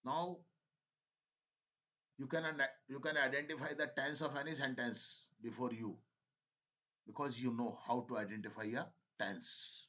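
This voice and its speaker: Slow-speaking teacher, man. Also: mid-range voice, fairly even intonation, sharp tone, low-quality recording. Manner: mixes Hindi and English, coaxing and repetitive. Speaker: English teacher. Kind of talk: classroom listening lesson, slow dictation.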